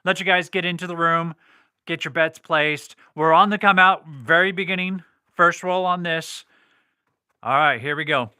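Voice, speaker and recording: A man's voice: a little high, moderate pace, pushed and bright, clean tone, no echo, studio quality. A man hosting a casual livestream game as a craps table caller, calling out rolls and bets to players. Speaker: livestream host running an online craps game. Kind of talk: casual live game commentary.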